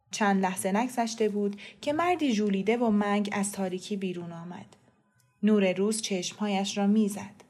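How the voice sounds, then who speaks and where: Brief: woman storyteller, even mid pitch, quiet measured audiobook reading. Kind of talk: scripted audiobook narration.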